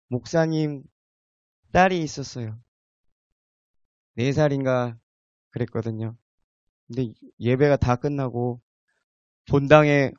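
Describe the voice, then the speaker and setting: Guy preaching, kinda high voice, dry dull recording, gets loud then goes quiet, keeps asking the crowd stuff. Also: no room sound. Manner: rises to emphatic peaks, drops to soft asides, asks the congregation questions. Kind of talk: sermon.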